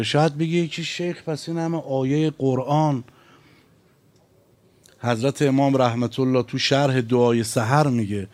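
A male cleric giving a sermon. He poses rhetorical questions and stretches out key phrases for emphasis. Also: medium pitch.

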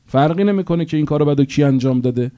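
A man's voice: a little high, warm tone, clean tone. A male cleric preaching a sermon in an impassioned, storytelling manner, rising to emphatic peaks.

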